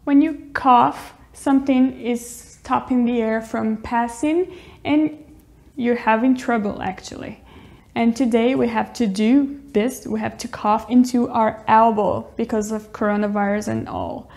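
High-voiced young woman teaching English. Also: unhurried, gravelly, darkish tone. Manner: cheerful, explains with little demonstrations. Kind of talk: casual teaching with acted demonstrations.

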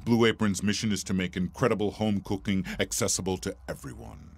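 A man's voice: on the low side, fairly even intonation, a little fast, gravelly, breathy edge. A man reading a scripted podcast sponsor spot as a host. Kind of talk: scripted ad read.

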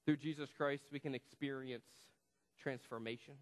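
A male pastor preaching a sermon in a church, swinging between loud, emphatic passages and hushed, quiet ones. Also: medium pitch, steady tone, normal speed. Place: church sanctuary. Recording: long church hall reverb.

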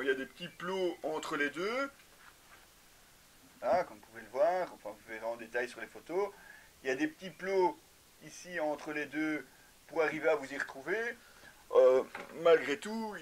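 In a mid-range, fairly bright voice, a motorcycle gear reviewer in his thirties talks to camera in an indoor garage with shelves. The product review is casual, and his explanations are dotted with hesitations.

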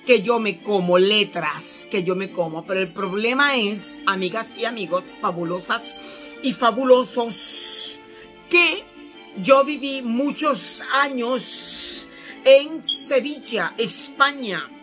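Middle-aged Venezuelan woman, host, lively chat, brilliant ringing voice, soft music under her. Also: a little high, slow pace. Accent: Venezuelan, Caracas. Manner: animated and chatty, calls listeners "my love". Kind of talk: casual live chat. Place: indoor living room. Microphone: phone at arm's length.

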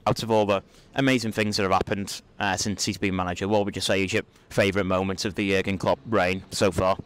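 A male interviewer speaks quickly in a lowish voice. He is conducting street interviews. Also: level tone, a bit bright, clean tone.

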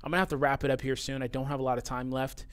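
Racing along in a level, mid-range voice that's clear and resonant, a YouTuber reads viewer comments directly to camera. His reactions are casual, blunt, laced with swearing, and heated, and he remarks that he sounds young.

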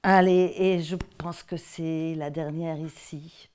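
A woman's voice: deep voice, fairly even intonation, takes it slowly, dark tone, clear, resonant tone. A woman with a French accent giving an academic talk on textbook excerpts, conversational and hesitant, often repeating words. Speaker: lecturer.

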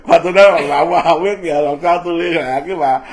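A man's voice: fairly high pitch, steady tone, fast. A man in his fifties, a Buddhist monk giving an informal talk, blunt and self-mocking, laughing often as he speaks.

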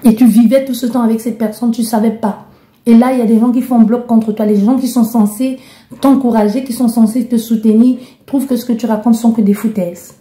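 A woman's voice: fairly high pitch, fairly even intonation, brisk, dark tone. A woman from Belgium giving a spoken tarot guidance reading, talking straight to the listener with passion and many restarts. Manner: impassioned, addresses the listener directly, many restarts. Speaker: tarot card reader. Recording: echoey room.

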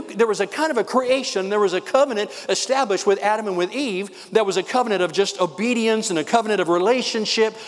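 An older man, a pastor, preaching a sermon with fast, excited emphasis. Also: high-pitched, in a large hall.

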